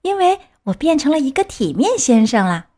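A high, lively voice full of naive eagerness brings a wooden puppet boy to life, as a woman reading a storybook puts him on. He brags and protests with bright, bouncing excitement. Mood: eager. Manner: eager, boastful, quick to protest.

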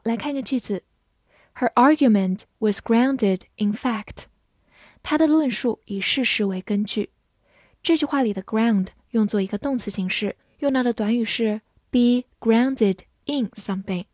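Woman, vocabulary teacher, higher voice, unhurried delivery, spells words out. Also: darkish tone, no echo, clean studio sound. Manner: spells words letter by letter, reads example sentences slowly. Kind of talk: scripted vocabulary lesson.

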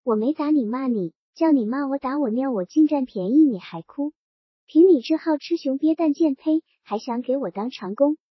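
A woman voicing a drunken, domineering middle-aged male landlord who talks in a gruff, mocking, bossy way, in a storybook reading. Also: high-pitched, expressive, normal speed, dry recording, dull audio. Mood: scornful.

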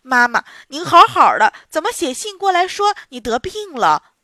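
Storybook part: female narrator voicing a flustered young mother, shrill cries, bright dry sound. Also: sing-song, unhurried, dry recording. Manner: frantic, high and loud, crying out. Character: careless flustered young mother, Pang Sao.

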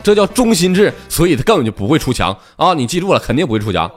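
Northeastern mandarin accent guy cracking jokes, pitch all over the place, faint music behind. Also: very animated, fast talker. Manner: chatty storyteller with dialect slang. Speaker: stand-up comedian. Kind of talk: comic joke telling.

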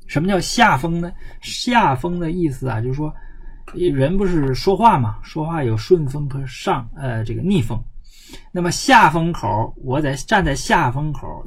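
Husky-voiced man explaining an old text. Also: mid-range voice, lively intonation, poor audio. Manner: asks himself questions and answers them, with many drawn-out filler particles; reads the old text slowly, then explains it in plain speech. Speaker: lecturer on classical Chinese history. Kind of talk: explaining a classical text line by line.

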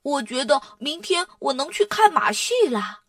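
A woman's voice: on the high side, expressive, unhurried, bright, forceful tone, no echo. A woman voicing a young sick boy in a children's storybook, whiny and complaining. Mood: glum. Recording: distant mic, dry sound.

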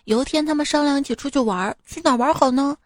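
A woman hosting a joke show, reading out short jokes at an unhurried pace and chuckling at her own punchlines. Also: high voice, no echo. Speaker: radio joke-show host.

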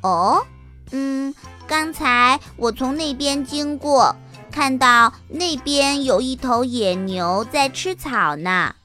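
A woman's voice: sits high, slow pace, bright, forceful tone, faint music behind, heavily acted. A woman voicing a helpful little mouse with a chatty, informative manner.

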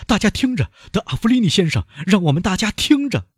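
A man's voice: big pitch swings, normal speed, husky, no echo, studio quality. A man reading an audiobook, voicing a desperate young man who pleads and questions urgently. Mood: pleading. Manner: urgent, high and loud pleading. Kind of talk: audiobook character voice.

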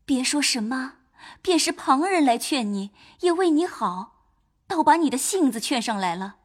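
An actress playing a composed, sensible young lady in an audio drama, speaking in a gentle, reasoning tone. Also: sits high, animated, normal speed. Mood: persuading.

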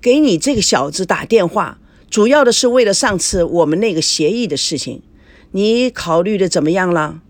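A woman's voice: lowish voice, animated, normal speed, dry recording. A woman voicing a stern, pushy middle-aged father in a novel reading, lecturing and domineering.

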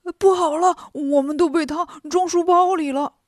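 A woman voicing a clumsy, boastful male pig demon who yells and blusters. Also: fairly high pitch, expressive, normal speed, dry recording, clean studio sound. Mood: blustering. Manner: yelling, blustering.

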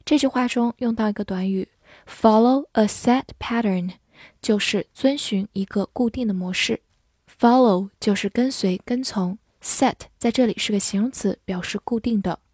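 A woman teaching English vocabulary, spelling words slowly letter by letter in a clear, scripted lesson. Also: mid-range voice, darkish tone, no echo, studio quality.

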